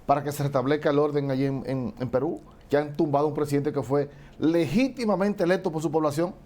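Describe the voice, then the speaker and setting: A man's voice: a little high, steady tone, quick pace, a little mellow. A man in a casual political discussion, talking with indignation and asking rhetorical questions. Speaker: political commentator.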